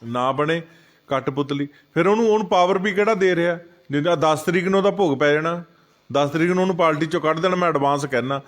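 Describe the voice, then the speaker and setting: A man's voice: a little high, fast. Emphatic man. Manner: heated, emphatic, acts out what others say. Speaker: senior party leader, interviewee. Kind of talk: political interview.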